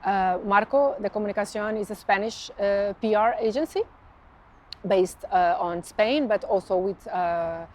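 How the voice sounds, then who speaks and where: A woman's voice: mid-range voice, measured pace, a little hiss or hum. A Portuguese woman with a Portuguese accent answering interview questions in English, hesitant with many restarts and frequent laughs. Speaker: interview guest, communications professional.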